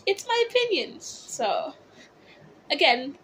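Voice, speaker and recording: A drag queen host chatting casually to viewers about opinions and comments, rambling conversationally with theatrical, drawn-out emphasis. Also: high-pitched, big pitch swings, fairly bright tone, a little hiss or hum.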